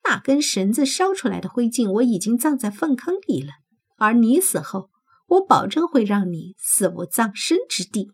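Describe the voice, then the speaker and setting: A woman's voice: on the high side, big pitch swings, normal speed, breathy edge, pitched above the performer's own voice, exaggerated voice. A woman voicing a spiteful young man, a half-human monster who taunts and sneers, in an audiobook. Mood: sneering. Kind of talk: audiobook character voice.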